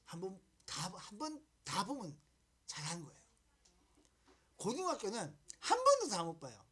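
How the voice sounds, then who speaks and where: A woman teaching middle-school math, her voice a little husky and her pitch rising and falling a lot. She walks students through the steps, repeating herself and asking them questions. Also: fairly bright tone. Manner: repetitive, coaxing, asks students questions. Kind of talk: classroom math lesson.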